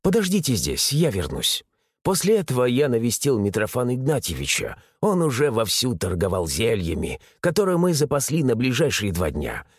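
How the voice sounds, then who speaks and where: A man narrating an audiobook in the first person with expressive storytelling. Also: medium pitch, brisk, few pauses, no echo, studio quality.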